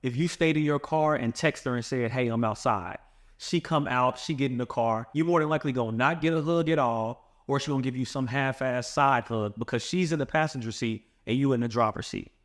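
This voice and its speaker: A man's voice: mid-range voice, a little fast, few pauses. A man coaching other men on dating in a blunt, slangy monologue, calling the listener "bro". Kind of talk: direct-to-camera advice monologue.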